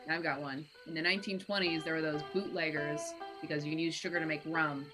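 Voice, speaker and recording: Low-voiced giggly woman player. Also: fairly even intonation, fast, over music, low-quality recording. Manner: giggly, rambling, tosses out ideas with laughs. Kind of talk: casual tabletop game chat.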